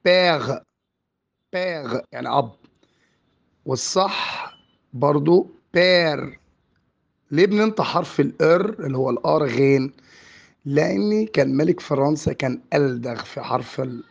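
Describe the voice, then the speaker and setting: Gravelly Egyptian man teaching slowly. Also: a little high, darkish tone. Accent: Egyptian Arabic. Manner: slow and drawn out on example words, repeating each one. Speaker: French teacher. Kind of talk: explaining French vowel pronunciation. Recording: dull lo-fi recording.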